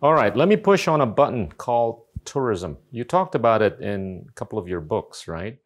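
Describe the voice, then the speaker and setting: A man from Indonesia, hosting an interview and asking questions in a halting way. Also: lowish voice, expressive. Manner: halting, restarts while framing questions. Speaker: host.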